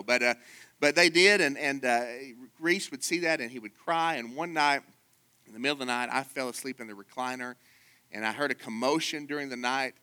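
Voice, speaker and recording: A man preaches a sermon with a bright, ringing tone. He drops to soft asides, then builds to loud, emphatic peaks. His storytelling is loose, full of fillers and repeated words. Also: medium pitch. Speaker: pastor.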